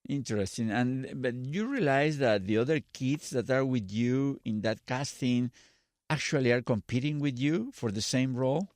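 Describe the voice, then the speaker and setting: A man whose first language is Spanish hosts a casual podcast interview in a dry, close-miked studio sound. His voice sits at a middling pitch, and he gropes for words in short restarts. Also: expressive, normal speed, a little mellow, dry recording. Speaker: podcast host.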